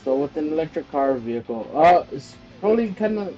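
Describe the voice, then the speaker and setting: A man's voice: a little high, animated, fairly quick, dull audio, soft background music. A man streamer chatting casually and telling rambling stories. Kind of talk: casual chat.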